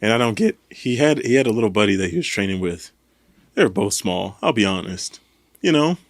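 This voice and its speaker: A man's voice: fairly low pitch, a little fast, no room sound. A man casually telling a story on a podcast, acting out what people said. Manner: animated storytelling, acts out quotes. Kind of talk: casual chat.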